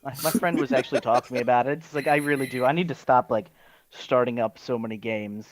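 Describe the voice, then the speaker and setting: A man's voice: medium pitch, fairly even intonation, quick pace, dry recording. A man speaking hesitantly and restarting sentences in a casual podcast chat.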